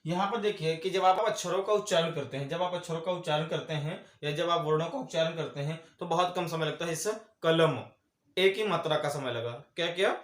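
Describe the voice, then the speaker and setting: A man's voice: a little high, brisk. A man teaching a grammar lesson, who repeats each definition and asks and answers his own questions. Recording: echoey room.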